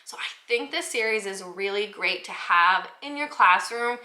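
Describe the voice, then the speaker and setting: Addressing teachers in a scripted, upbeat vlog, a woman who hosts a children's book review channel presents with enthusiasm and clear explanation. Her mid-range voice is animated, bright and forceful, delivered at normal speed in a reverberant room.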